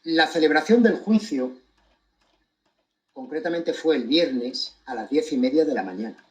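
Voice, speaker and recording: A man with an accent from Spain gives a deliberate, emphatic monologue to an audience, breaking his phrases with pointed pauses. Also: on the high side, lively intonation. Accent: Spanish from Spain. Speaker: commentator giving his account of a court case.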